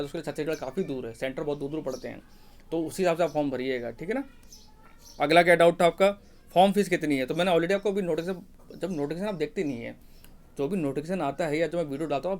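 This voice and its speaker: A man teaching job aspirants in a casual, repetitive advising way, often checking in with "ठीक है ना". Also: on the high side. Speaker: exam guidance teacher. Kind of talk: informal Hindi explainer for job aspirants.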